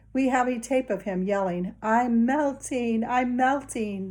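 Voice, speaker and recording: A woman's voice: medium pitch, mellow. A woman reading a children's novel aloud in a friendly, conversational way, talking straight to young listeners. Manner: conversational first-person storytelling. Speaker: children's book reader.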